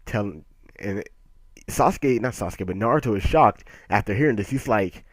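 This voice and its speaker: Low-voiced man giving an excitable review. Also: moderate pace, no room sound. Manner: excitable, swears, laughs at himself, self-corrects. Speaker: manga chapter reviewer. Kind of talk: casual unscripted review commentary.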